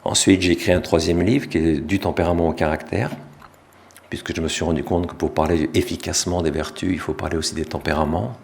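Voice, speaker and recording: A middle-aged French man, an author, giving a relaxed public talk with small self-corrections. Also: low-pitched, fairly quick, creaky. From France. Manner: relaxed, self-deprecating, with restarts. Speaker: author and speaker.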